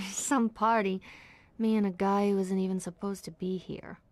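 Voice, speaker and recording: A woman's voice: medium pitch, steady tone, moderate pace, darkish tone, dry recording, close to an everyday voice. An actress playing a sardonic young woman who breaks rules playfully, speaking in a wry, teasing way in a video game. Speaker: former student guiding a stranger.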